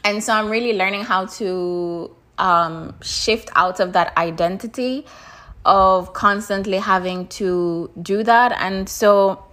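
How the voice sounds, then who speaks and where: A woman hosting a solo podcast, talking through personal reflections in a candid, chatty way, full of "like" and "you know" and quick laughs. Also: mid-range voice, fairly bright tone. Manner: casual and chatty, many fillers like "like" and "you know"; candid, laughs now and then. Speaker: podcast host.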